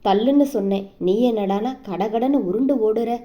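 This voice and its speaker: A woman's voice: fairly high pitch, moderate pace, dull audio, close to an everyday voice. A woman doing a teasing young husband. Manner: teasing, mocking banter.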